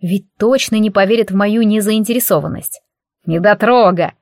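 A woman's voice: mid-range voice, expressive, moderate pace, darkish tone, no room sound, studio quality. A woman narrating a comic fantasy audiobook in first person, with a wry, ironic manner.

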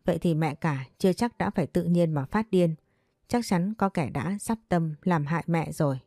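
A woman's voice: on the low side, normal speed, mellow, dry recording, studio quality. A woman voicing a clever young wife of a wealthy household, polite and deferential. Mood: anxious, polite.

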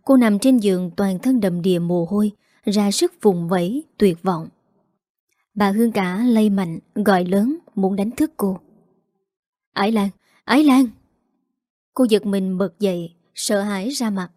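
A woman narrates a drama recap in a steady, dramatic storytelling way. Her voice is mellow and dark, recorded dry and close. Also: medium pitch, unhurried, no echo.

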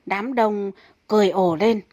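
A woman's voice: mid-range voice, a little slow, darkish tone. Woman steadily reading funny stories. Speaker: storyteller. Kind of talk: reading jokes aloud.

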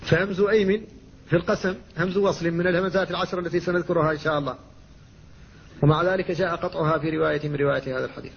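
A middle-aged man with a Mauritanian Arabic accent, teaching Quran recitation with slow, careful demonstrations of pronunciation. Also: on the high side, fairly even intonation, creaky, lo-fi sound, slight background noise. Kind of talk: explanatory lesson on tajweed.

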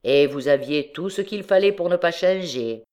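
A woman's voice: lowish voice, expressive, normal speed, darkish tone, pitched above the performer's own voice, natural voice. A woman voicing a male ex-convict bandit who threatens with mocking, overly polite menace, in an audiobook reading. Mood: menacing, mocking.

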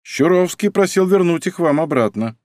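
A man reading an audiobook plays a calm, stern male militia major who speaks in a measured, insistent way. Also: on the high side, no room sound, studio quality, pitched above the performer's own voice, natural voice. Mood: firm. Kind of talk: audiobook character voice.

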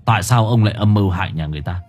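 A husky-voiced man voicing a young male spirit who speaks coldly and sternly. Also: low voice, racing, darkish tone, soft background music. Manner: cold, stern.

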